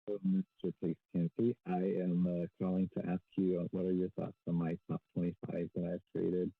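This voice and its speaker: A man calling in over a faint, muffled phone line, sounding like he is at the bottom of a well, speaking quietly and hesitantly. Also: low voice, monotone, fairly quick, vocal fry, dry recording. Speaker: caller. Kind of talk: call-in radio question.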